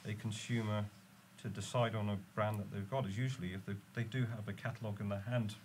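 A man's voice: lowish voice, steady tone, fast talker, a little hiss or hum. A man, a tech company guest, explaining his product enthusiastically in casual chat with some fillers.

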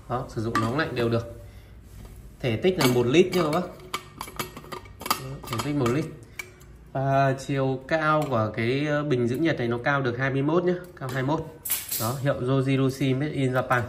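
A man presenting used Japanese goods for sale, item by item, in a steady and repetitive way. He talks to viewers familiarly and fills his pauses with filler sounds. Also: medium pitch, slight background noise. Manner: steady, repetitive, opens nearly every line with a pointing word. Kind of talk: product showcase sales talk.

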